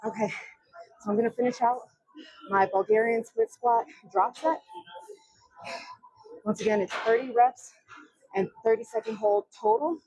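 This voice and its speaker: A woman's voice: a little high, normal speed, pauses often, darkish tone, husky, no echo, low-quality recording. A young woman vlogging her workout in a gym, out of breath and counting reps with strained grunts. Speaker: fitness vlogger.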